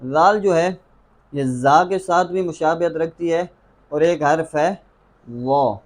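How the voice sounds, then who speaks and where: A man with a Pakistani Urdu accent teaching a tajweed lesson, drilling letter sounds slowly and repeating each one for the viewer. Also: a little high. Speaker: Quran recitation teacher.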